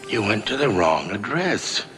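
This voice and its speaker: A man playing a calm, grave angel mentor in a TV drama, measured and gently firm. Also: lowish voice, faint music behind. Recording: faint background noise.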